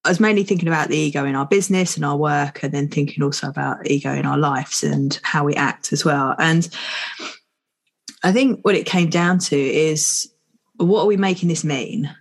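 A woman's voice: deep voice, fairly even intonation, moderate pace. A woman co-hosting a podcast, thinking aloud in a casual chat and posing questions as she goes. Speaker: podcast co-host.

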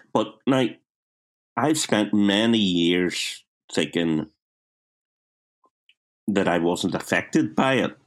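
His voice sitting low, a writer in his fifties from Northern Ireland, with a Belfast accent, tells wry, self-mocking stories about his childhood in a casual interview. He often restarts his sentences.

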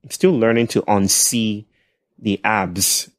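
A man from Nigeria with a nasal voice, speaking as a podcast guest in a thoughtful, halting way. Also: on the low side, steady tone, dry recording, studio quality. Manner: thoughtful, halting, with soft laughs. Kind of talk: reflective conversational storytelling.

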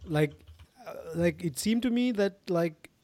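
Guy from sri lanka chatting on a podcast, kinda high voice, lots of like and restarts, dry sound. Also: expressive, unhurried, warm tone, no echo. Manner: rambling, many restarts and filler words. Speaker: podcast host. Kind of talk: casual conversation.

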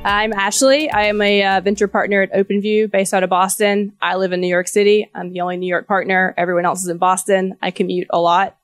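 A woman's voice: mid-range voice, flat delivery, a little fast, few pauses, soft background music. A woman from Georgia with a Southern US accent gives an informal talk as a venture capital partner, chatty and conversational. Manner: chatty, informal, asks audience questions.

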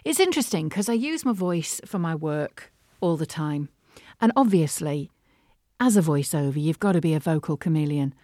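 A middle-aged woman with a Mancunian accent, hosting a casual solo podcast from her studio, chatty and animated. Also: low voice, dry recording. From Manchester, England. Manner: chatty and animated, laughs often. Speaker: podcast host and voiceover artist. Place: home studio.

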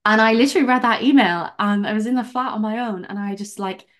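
A young woman from England talks as a podcast guest in a relaxed interview. She tells her story in an animated, chatty way, full of "like" fillers. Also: a little high, fast. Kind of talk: casual interview chat.

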